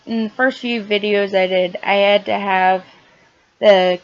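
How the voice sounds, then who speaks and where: A young woman casually explaining her screaming technique in a halting, quiet way, with many fillers and restarts. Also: medium pitch, fairly even intonation, muffled recording. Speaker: vlogger. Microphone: iPad held close.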